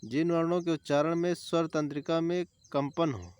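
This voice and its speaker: Male tutor, exam-prep grammar class, clear smooth voice, repeats terms and lists examples. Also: fairly high pitch, moderate pace, darkish tone, no room sound. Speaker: teacher.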